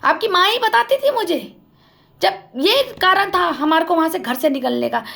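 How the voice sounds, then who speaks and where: A woman's voice: very high-pitched, lively intonation, moderate pace, vocal fry, fairly bright tone. A young woman vlogger giving an impassioned personal account, speaking accusingly and directly to family members. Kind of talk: emotional personal account to camera.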